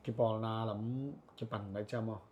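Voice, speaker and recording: A man who founded a community group, answering interview questions in a relaxed, matter-of-fact way. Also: fairly low pitch, brisk, dull audio, slight background noise. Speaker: podcast guest, community founder.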